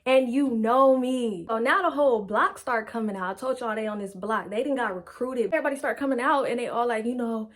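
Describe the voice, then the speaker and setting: A young woman casually telling a personal story, slangy and animated, acting out what people said. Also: on the high side, a little fast, hardly any pauses. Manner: animated, slangy, acts out quotes.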